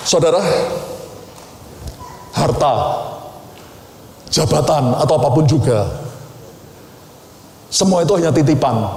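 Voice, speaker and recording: A man's voice: a little high, a little mellow. An older man from Indonesia, a pastor preaching a sermon and asking the congregation questions. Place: large church hall. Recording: roomy hall echo, faint ambience.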